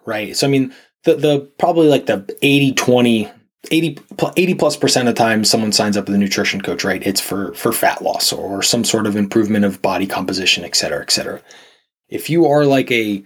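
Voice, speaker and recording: A man's voice: on the low side, a little fast, husky. A man, a nutrition coach guest on a podcast, talking casually and rambling with lots of fillers and restarts.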